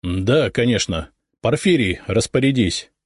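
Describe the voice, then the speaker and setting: Man doing a chill thoughtful dad, nobleman, slow and even. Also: mid-range voice, slightly rough, dry recording, studio quality. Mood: pensive. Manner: pensive, measured. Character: calm thoughtful aristocratic father, middle-aged.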